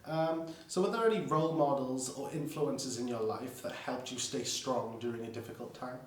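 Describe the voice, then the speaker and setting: A man's voice: medium pitch, normal speed. A man interviewing a guest, reading questions and encouraging her with short agreements. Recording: very echoey, far from mic, faint noise.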